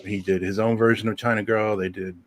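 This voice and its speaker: Relaxed low-voiced radio host rambling. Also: male voice, a little fast. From Southern Ontario. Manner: relaxed, rambling, lots of ums. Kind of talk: casual livestream chat.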